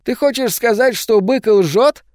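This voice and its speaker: A man's voice: animated, normal speed, a little mellow, clean tone, no echo, studio quality. A man doing a thin-voiced jeering teen sidekick. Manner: high, jeering mimicry. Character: thin-voiced sneering teenage sidekick boy.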